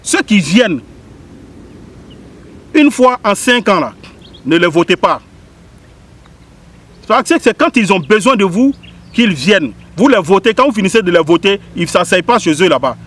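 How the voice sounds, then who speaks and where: A man's voice: high voice, expressive, normal speed, pauses often, a bit bright. A man from Ivory Coast with an Ivorian French accent, giving an impassioned address that repeats points and questions the listener. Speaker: spiritual medium giving a public message. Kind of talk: impassioned direct-to-camera address.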